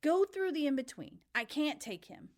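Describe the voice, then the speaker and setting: A man's voice: high-pitched, lively intonation, measured pace, pushed and bright, heavily acted. A woman voicing an anxious, hospitable male ferryman of souls, fretful at times and formal and grand at others.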